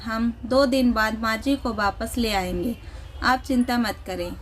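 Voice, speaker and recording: A woman narrator voicing a gentle, patient young daughter-in-law who pleads softly. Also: on the high side, fairly even intonation, unhurried, a little hiss or hum, close to an everyday voice. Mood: pleading, soothing. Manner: soft, pleading.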